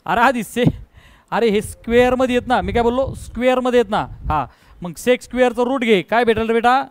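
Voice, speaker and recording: A man's voice: extremely high pitch, fairly quick, poor audio. A man teaching math to a classroom, firing questions at students and mixing in English terms. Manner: drills students with call-and-response questions. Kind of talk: classroom lecture.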